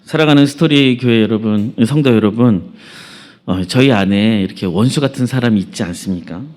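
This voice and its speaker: A man's voice: on the low side, fairly quick, a little mellow. A male preacher giving a sermon, retelling a story earnestly and making emphatic appeals to the congregation.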